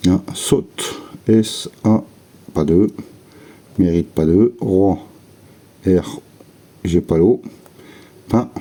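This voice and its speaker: A man's voice: sits low, extremely slow, pauses often, mellow. A man giving casual, methodical running commentary while scratching lottery tickets, murmuring letters and words to himself.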